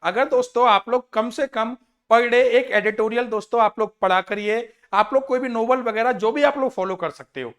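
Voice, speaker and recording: High-voiced man giving a chatty lecture. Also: moderate pace, fairly bright tone. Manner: chatty, repeatedly addressing listeners as friends and brothers. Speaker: exam coaching teacher. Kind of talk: lecture to exam aspirants.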